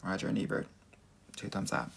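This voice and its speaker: A man with a Southern California Valley Girl accent, giving casual dating advice on a livestream in a sassy, girlfriend-to-girlfriend manner. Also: a little fast. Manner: sassy girlfriend-to-girlfriend talk, peppered with "girl" and "honey". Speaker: dating coach and livestream host.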